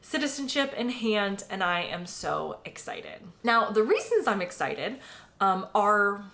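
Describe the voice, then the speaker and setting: A chatty American woman in her late twenties vlogs to camera in a loose, conversational way. She leans on "um" and "like" as she talks, and her voice sits at a middle pitch for a woman. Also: very animated, unhurried, vocal fry, pushed and bright. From United States. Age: late 20s. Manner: chatty, filler-heavy, often says "like" and "um". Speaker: vlogger. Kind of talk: casual personal vlog.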